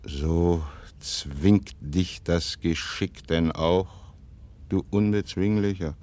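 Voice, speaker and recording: A stern aristocratic commander speaks in a very deep, slow male voice with a darkish tone, brooding and grave. His delivery is grave, measured and declamatory, playing a calculating, commanding aristocratic father and military governor in the style of a 1940s German radio play.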